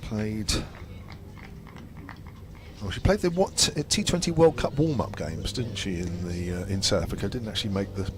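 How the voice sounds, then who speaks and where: A man giving ball-by-ball cricket commentary from a commentary box at a quiet ground, calling each delivery in steady detail. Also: fairly low pitch, normal speed. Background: aircraft noise overhead.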